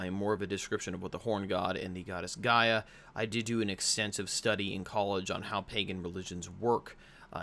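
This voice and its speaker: A man's voice: lowish voice, creaky, fairly bright tone. A young American man in his twenties hosting a casual explainer, rambling with frequent fillers and restarts. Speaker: host.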